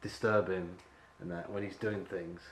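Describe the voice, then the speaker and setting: A man's voice: low-pitched, level tone, normal speed, slight background noise. A man directing an actor at an audition, rambling and full of fillers as he explains the scene. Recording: echoey room with faint ambience.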